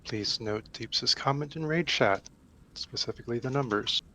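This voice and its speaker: A man leading an online game raid over voice chat, calm and instructive as he gives directions. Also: mid-range voice, normal speed. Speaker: raid leader. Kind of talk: gaming voice chat.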